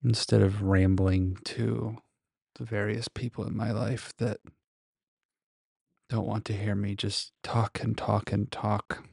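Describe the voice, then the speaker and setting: A man's voice: fairly low pitch, flat delivery, takes it slowly, gravelly, darkish tone, husky, dry recording. A man recording a casual, reflective solo podcast monologue very close to the microphone, speaking in a hesitant, introspective way. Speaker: podcast host.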